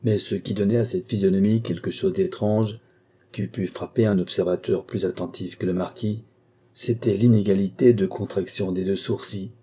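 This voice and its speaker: Man, audiobook narration, measured, husky voice. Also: low voice. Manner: measured, even literary reading. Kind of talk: scripted narration.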